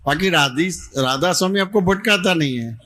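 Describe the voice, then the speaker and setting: A man's voice: high voice, animated, moderate pace, bright, forceful tone. A man leading a satsang question-and-answer session as a spiritual teacher, patient and repetitive, often checking that he is understood. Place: devotional gathering hall in Ahmedabad.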